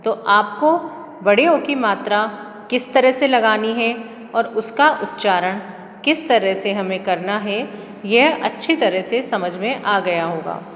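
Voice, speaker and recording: A woman teaching young children to read, sounding out words slowly, one syllable at a time. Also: mid-range voice. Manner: slow, drawn-out syllable-by-syllable word reading. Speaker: primary school teacher. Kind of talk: classroom reading lesson for children. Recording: echoey room with long reverb and faint hiss.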